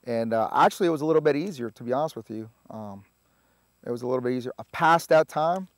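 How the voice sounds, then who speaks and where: Relaxed man, dry sound. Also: mid-range voice, no room sound. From Puerto Rico. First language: Spanish. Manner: relaxed, halting, lots of filler sounds. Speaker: army veteran guest. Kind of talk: casual interview storytelling.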